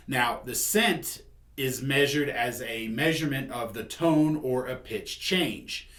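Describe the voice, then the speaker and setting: With a mid-range, fairly bright voice, a man walks viewers through a product tutorial as host and demonstrator. He keeps it conversational and explanatory, often putting things a different way. Echo and faint background noise color the recording.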